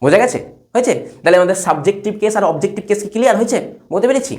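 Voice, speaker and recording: Lively male grammar teacher. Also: sits high, fast. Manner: lively, asks checking questions again and again. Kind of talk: classroom lesson at a whiteboard.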